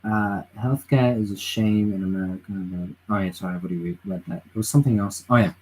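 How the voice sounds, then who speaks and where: Fairly low in pitch and a little mellow, his voice moves fast over slight background noise and poor audio. A weary native English speaker on a late-night home stream, he offers meandering political opinions, reads chat messages aloud, and relies on fillers and frequent restarts.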